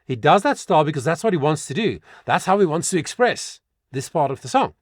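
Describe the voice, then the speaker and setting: Male vocal coach, middle-aged, lively and a bit high, dry close sound, animated song breakdown. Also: fairly quick, no echo. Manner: animated, breaks into sung demonstrations. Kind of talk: song reaction and vocal analysis.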